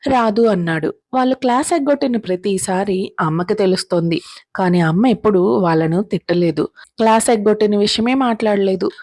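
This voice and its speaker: A woman telling a serialized story in a steady, even narrating manner. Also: medium pitch.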